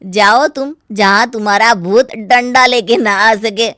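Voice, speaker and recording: A woman's voice: on the high side, unhurried, sharp tone, no echo, clean studio sound. A woman voicing an easygoing young man in a cartoon, teasing and laughing things off. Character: young adult man, easygoing guest brother. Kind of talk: cartoon dubbing.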